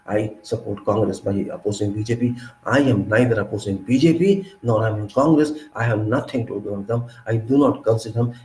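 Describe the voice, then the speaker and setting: A man, delivering a forceful political monologue in a lecturing, repetitive way with sudden loud rises. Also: mid-range voice. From India. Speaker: political commentator. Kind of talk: monologue speech. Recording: echoey room with faint ambience.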